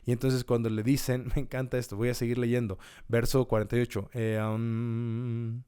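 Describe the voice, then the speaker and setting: Man, podcast host, devotional talk, earnest, encouraging, mid pitch, builds emphasis by repetition. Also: level tone, moderate pace, mellow, clean tone. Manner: earnest, encouraging, repeats key words with rising emphasis; occasional restarts and self-corrections.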